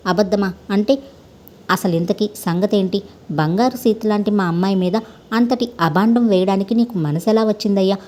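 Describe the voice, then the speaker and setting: A woman's voice: mid-range voice, mellow. A woman reading a family story aloud, voicing each character's lines and rising in the quarrels.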